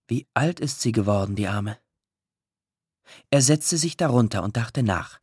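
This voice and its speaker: A man reading a literary story aloud, expressive and emotional, with drawn-out pauses. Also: mid-range voice, slightly rough, dry recording, studio quality. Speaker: audiobook narrator. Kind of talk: scripted literary narration.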